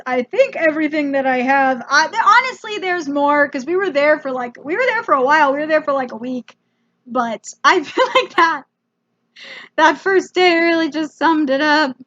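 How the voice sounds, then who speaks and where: An American woman telling a comedic travel story in an animated, self-mocking way, with casual swearing. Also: sits high, highs cut off. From United States.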